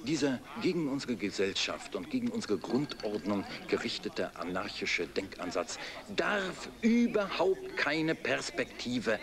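An actor playing a pompous, disapproving middle-aged conservative commentator in a TV satire, speaking in rhetorical phrases. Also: male voice, lowish voice, expressive, moderate pace, few pauses, crowd noise. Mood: indignant, pompous. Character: pompous conservative male commentator railing against silly pranks.

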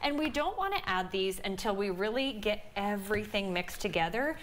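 A dietitian guest in her thirties with a Midwestern American accent explains a recipe during a morning TV cooking demonstration on a home kitchen set. Her mid-range voice has lively intonation at normal speed, and she's chatty, using many fillers.

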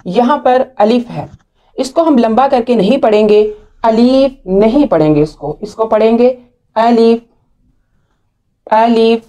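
एक महिला शिक्षिका धैर्य से, अक्षरों को खींचकर बोलते हुए, एक-एक कदम पाठ पढ़ाती है, उर्दू लहजे में।. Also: female voice, fairly high pitch, warm tone. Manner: patient, drawn-out letter sounds. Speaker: Quran recitation teacher. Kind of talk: slow step-by-step lesson.

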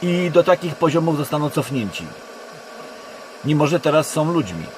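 A Polish man giving a rambling monologue to camera from inside a car, speaking haltingly and often correcting himself. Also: on the high side. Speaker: online video creator. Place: inside a parked car in a forest. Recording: constant background noise in a car. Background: steady background hum.

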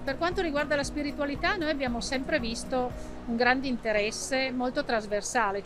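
An older woman, a publisher at a book fair stand, speaking calmly and slowly in an interview. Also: fairly high pitch. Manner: calm, slow, reflective with fillers. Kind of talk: interview answers. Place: indoor exhibition hall.

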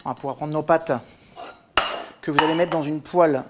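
A man and wellness coach giving a cooking demonstration in a kitchen, talking viewers through each step in a gentle, instructive way and calling them by fond pet names. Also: a little high, fairly even intonation, a little fast, heavy background noise. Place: home kitchen at the stove. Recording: food sizzling in the pan behind.

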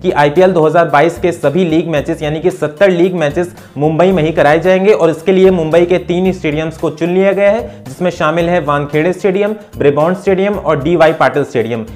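A young man presenting cricket news to camera in a brisk, steady scripted delivery, recorded on a lapel mic in a small indoor room. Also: fairly high pitch. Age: young adult.

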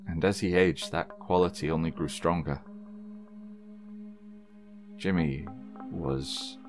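Deep-voiced man narrating a horror story. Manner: measured, solemn storytelling. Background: faint background music.

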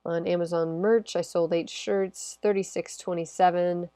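A woman's voice: fairly low pitch, steady tone, measured pace, warm tone, no room sound. A woman with a congested, nasal voice from a cold, chatting casually through her sales recap, rambling and correcting herself. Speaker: eBay reseller vlogger.

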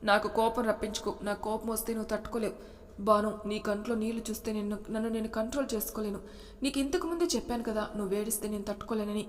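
A woman's voice: medium pitch, fairly even intonation, quick pace, long reverb tail, natural voice. A woman voicing a short-tempered, possessive young husband who speaks in curt, commanding bursts, in a storybook reading. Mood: angry.

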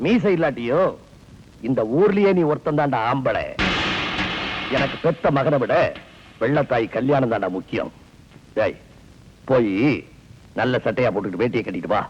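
An actor playing a stern, proud old village patriarch who booms out commands and turns gentle. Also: male voice, lively intonation, normal speed, pauses often, a little hiss or hum, close to an everyday voice. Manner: booming and commanding, softening to gentle. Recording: dull lo-fi film soundtrack with music.

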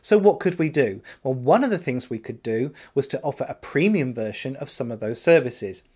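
A man's voice: mid-range voice, expressive, moderate pace, a little mellow, husky. A man in his forties, a salon business coach, talking to camera and walking through pricing figures step by step in an upbeat, explanatory way. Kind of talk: direct-to-camera business tutorial. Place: indoor room with decorated wall.

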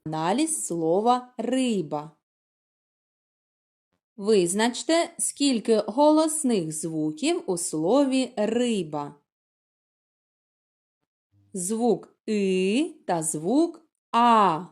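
A woman explains a lesson to young children at an unhurried pace. Her voice moves up and down lively as she asks them questions. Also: mid-range voice. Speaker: kindergarten teacher. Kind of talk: slow, clear teaching to young children.

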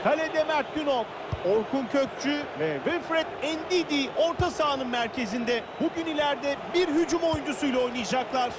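A man giving excitable play-by-play football commentary in speech for a video game, announcing the action. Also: very high-pitched, normal speed. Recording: loud stadium crowd noise behind voice. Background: roaring stadium crowd.

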